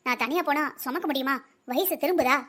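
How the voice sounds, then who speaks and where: A fussy older wife and grandmother in a cartoon, voiced by a woman, speaking high and fast with a South Tamil Nadu accent. She pleads with and bosses her husband around in a rapid patter. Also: fairly bright tone. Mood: pleading. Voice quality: pleading, busy, bossy. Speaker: voice actor in a family cartoon. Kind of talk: cartoon family comedy acting.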